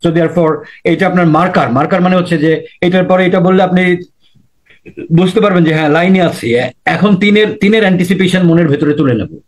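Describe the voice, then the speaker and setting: High-voiced male teacher explaining slowly. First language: Bengali. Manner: explains with examples, repeats key points, mixes in English phrases. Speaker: IELTS teacher. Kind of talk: lecture-style lesson.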